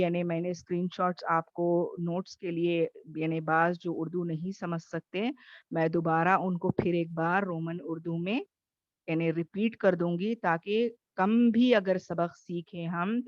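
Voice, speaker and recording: A woman's voice: on the low side, darkish tone, dry recording, highs cut off. A woman teaching a Tajweed class online, explaining patiently and checking in often with her students.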